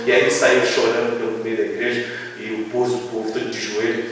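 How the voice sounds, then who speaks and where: A male preacher from Brazil telling a testimony in a sermon, acting out dialogues with lively storytelling. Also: medium pitch, fast, slight background noise. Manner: animated storytelling, quoting God and people in dialogue. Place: large church. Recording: echoey church hall from far off.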